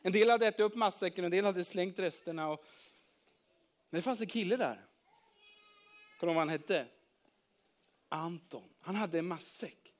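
Brief: animated male children's storyteller, high voice, engages the kids. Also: long pauses. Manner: lively, involves the audience. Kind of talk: Bible story told to children.

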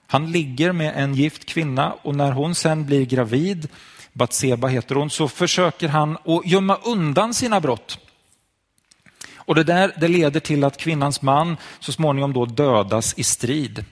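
Husky male preacher telling a Bible story. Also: fairly high pitch. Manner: storytelling, addresses listener directly. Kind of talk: sermon to viewers at home.

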